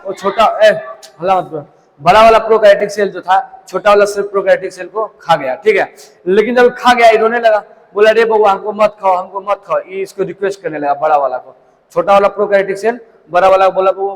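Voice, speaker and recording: In a large hall, a young biology teacher with a high-pitched voice talks fairly quickly, weaving a story by asking himself questions and then answering them. The recording is rough.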